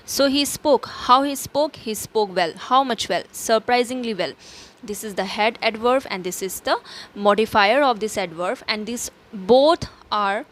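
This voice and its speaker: A woman's voice: fairly high pitch, measured pace. A woman teacher explaining grammar step by step, asking and answering her own questions, with fillers and self-corrections. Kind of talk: recorded grammar lesson.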